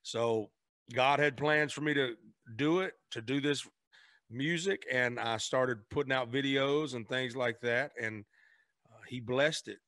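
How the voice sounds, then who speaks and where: Man guest, earnest and halting, mid-pitched, dry close mic. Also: fairly bright tone, dry recording. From Memphis, Tennessee, raised in Arkansas. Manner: earnest, restarts sentences, faith-driven. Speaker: guest, singer. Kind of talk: casual conversation.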